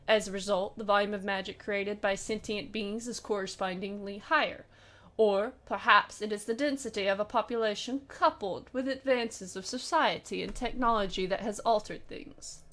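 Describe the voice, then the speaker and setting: A woman's voice: medium pitch, steady tone, a bit bright, close to an everyday voice. Woman reading as a stern formal aide. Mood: grave. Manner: measured, grave, lecturing. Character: stern formal male dragon's aide, Brockus. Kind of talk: reading game dialogue aloud.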